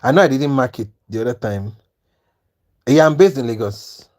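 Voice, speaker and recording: At a moderate pace, a man from Nigeria speaks to viewers in the chat of his trading livestream with a medium-pitched, expressive, slightly mellow voice. Earnest and persuasive in his Nigerian accent, he repeatedly asks "you understand?"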